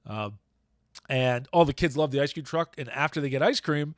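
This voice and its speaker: A man's voice: mid-range voice, moderate pace, no echo, clean studio sound. A man hosting a podcast in casual chat, rambling and searching for words as he recaps plots. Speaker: podcast host.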